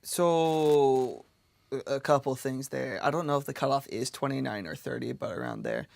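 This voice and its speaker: A young man with an American accent talks through his experience in a casual debate, leaning on "like" as he goes. His pitch swings a lot and his voice has a gravelly fry. The sound is dry and close. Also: animated, moderate pace, a little mellow, no room sound. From United States. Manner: loose, filler-heavy storytelling with frequent "like". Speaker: debate guest supporting conscription.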